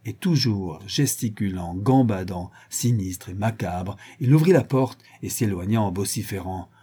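A man narrating an audiobook in a measured, dramatic style. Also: fairly low pitch, lively intonation, mellow, slightly rough. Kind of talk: scripted narration.

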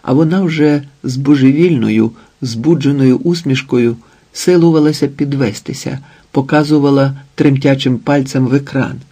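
A man narrating an audiobook novel in a slow, measured reading. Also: medium pitch, dark tone, breathy edge. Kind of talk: scripted narration.

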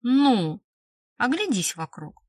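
A woman's voice: fairly high pitch, big pitch swings, slow pace, darkish tone, no room sound, clean studio sound, heavily acted. A woman voicing a sly, teasing girlfriend. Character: young woman friend, mocking and teasing.

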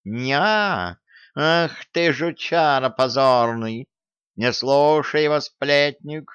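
A man's voice: mid-range voice, slow, fairly bright tone, clear, resonant tone, dry recording, highs cut off, voice pushed up. Yowling bossy male cat, a man putting it on, dry close sound. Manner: yowling, squabbling.

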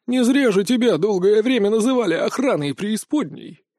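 A man voicing a sarcastic, whiny ancient male trickster god with a shrill, theatrical manner. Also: lively intonation, normal speed, a little mellow, no echo, clean studio sound. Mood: pleading.

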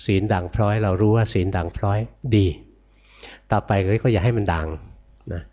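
Older Thai monk giving a gentle sermon. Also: male voice, on the low side, normal speed, lo-fi sound. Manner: gentle, repetitive, ends phrases with soft particles; asks the audience questions and answers them. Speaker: Buddhist monk teacher. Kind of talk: dharma sermon.

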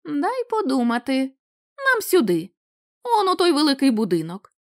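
A woman's voice: sits high, moderate pace, voice pushed up, heavily acted. Woman voicing an eager, dreamy young woman. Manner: bright, excited, wheedling.

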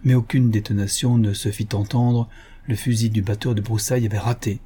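A man reading an adventure novel aloud in a steady, measured narration. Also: on the low side, slightly rough. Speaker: audiobook narrator. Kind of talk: scripted narration.

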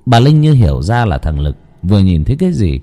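A man's voice: fairly low pitch, big pitch swings, a little fast, dark tone. A man narrating a ghost story in a dramatic, suspenseful way. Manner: dramatic, suspenseful, wide-ranging delivery.

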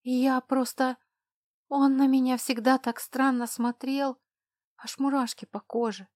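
Woman doing a frightened young woman, timid, squeaky, raised pitch, nervous halting delivery, audiobook voice, dry close recording. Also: little pitch movement, a little mellow, no room sound. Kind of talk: audiobook character voice.

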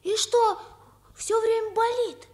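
An actress playing a curious, naive schoolchild in a children's drama, with a wide-eyed questioning manner. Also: female voice, extremely high pitch, steady tone, slow, darkish tone. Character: curious, naive schoolchild visiting a sick classmate. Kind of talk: children's radio drama acting.

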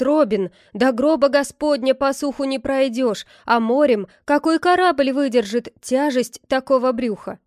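A woman's voice: sits high, a little mellow, no echo, studio quality. A woman voicing a jolly, stout male monk who is firm and earnest about keeping his vows, in a storybook reading.

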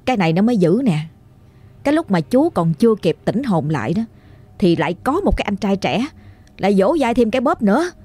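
A woman with a Southern Vietnamese accent, narrating a ghost story in an animated, exclamatory way. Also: medium pitch, fairly quick, breathy edge.

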